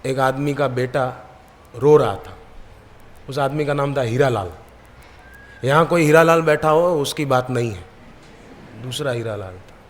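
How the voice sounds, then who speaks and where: A man preaching at a devotional gathering, at a mid-range pitch. He tells his parables in a lively way and slips into the voices of the people in them. His words ring out with the long reverb of a large hall. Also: measured pace, pauses often. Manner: lively storyteller who acts out the people in his anecdotes. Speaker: spiritual preacher. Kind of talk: devotional sermon with storytelling.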